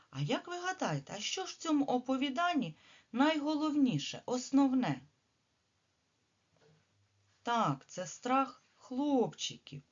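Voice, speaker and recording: Expressive woman teacher reading to children. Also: fairly high pitch, highs cut off. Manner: expressive, coaxing questions to children. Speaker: kindergarten teacher. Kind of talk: reading a story aloud and questioning children.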